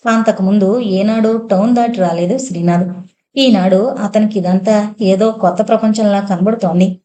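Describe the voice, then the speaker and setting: A woman's voice: mid-range voice, warm tone. A woman narrating a novel as an audiobook, reading steadily and evenly.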